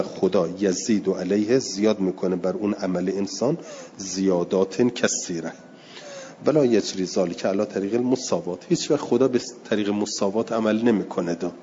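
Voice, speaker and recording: A man with a low, mellow voice teaches a class on a religious text, reading each passage slowly and then explaining it in plain terms. He pauses to answer students' questions. The recording is dull and lo-fi, with a long hall reverb behind him. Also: slight background noise.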